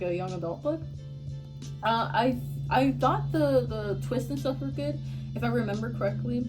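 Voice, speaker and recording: A young woman chatting casually through a book review, rambling with lots of fillers and restarts. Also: fairly high pitch. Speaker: book vlogger.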